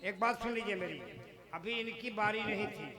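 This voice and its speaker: A man's voice: high-pitched, normal speed. A man introducing a speaker at a religious gathering and leading the crowd in chants. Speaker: stage announcer at a religious gathering. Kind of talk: rousing stage introduction. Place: outdoor religious conference with crowd. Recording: crowd noise, live event PA.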